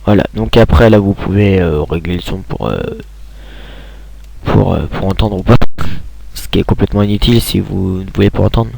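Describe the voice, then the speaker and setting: A man's voice: low voice, moderate pace, vocal fry, mellow, no echo. A young man giving a casual screen tutorial, rambling with many hesitations and restarts, talking into a computer mic at home.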